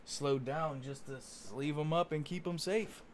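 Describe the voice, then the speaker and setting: A man's voice: a little high, unhurried. Chatty man hosting a card break, noisy background. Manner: chatty, folksy, addresses buyers as friends. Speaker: host of a sports card box break. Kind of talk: casual running commentary while opening cards. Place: indoors at a card-covered table.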